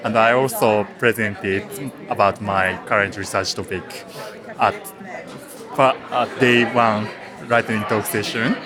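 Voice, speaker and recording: A man's voice: fairly low pitch, steady tone, takes it slowly, crowd noise. A man from Japan, a PhD student introducing himself at a meeting in a plain, slightly hesitant way.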